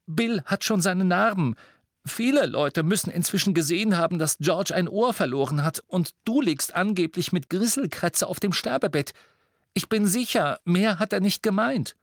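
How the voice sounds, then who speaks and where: A man's voice: sits high, animated, moderate pace, dry recording, clean studio sound, pitched above the performer's own voice. A man voicing an earnest, upset teenage girl who pleads anxiously in a read-aloud story. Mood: pleading.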